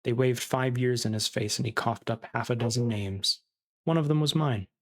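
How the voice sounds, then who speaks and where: A man reading as a starving, bitter disgraced surgeon who confesses in a castaway's diary, callous and self-justifying, with a creaky voice. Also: mid-range voice, normal speed, lightly acted. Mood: cynical, unrepentant.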